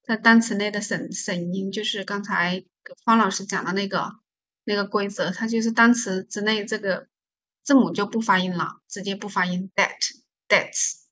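Woman, vocabulary teacher; steady mid-pitched voice, patient, drills each word by repetition. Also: normal speed. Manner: patient, repeats words to drill pronunciation; explains stress and silent letters step by step. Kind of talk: online vocabulary lesson.

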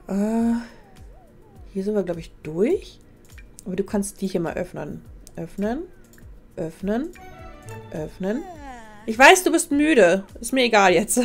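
Streaming a life-sim game, a woman with a mid-range voice chats casually, thanks her viewers, and talks to her characters. She's a little sniffly from a cold.

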